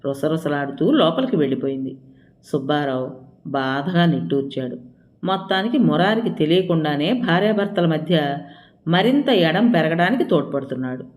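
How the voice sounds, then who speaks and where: A narrator telling a household drama as an audiobook. The reading is steady and even-keeled, moving plainly between scene and dialogue. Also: medium pitch. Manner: steady storytelling.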